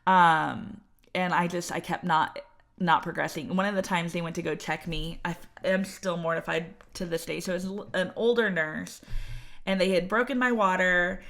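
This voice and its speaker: A woman's voice: lowish voice, fairly even intonation, normal speed, vocal fry, fairly bright tone. A woman, chatting as podcast co-host and telling a personal story with lots of fillers and quoted voices. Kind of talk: casual chat, telling her birth story.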